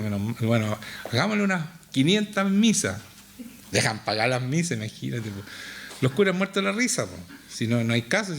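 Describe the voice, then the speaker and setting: A man's voice: a little high, a bit bright, slight background noise. A man with a Chilean accent preaching a sermon to a congregation in church, reading scripture aloud and pressing his listeners with rhetorical questions. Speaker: pastor.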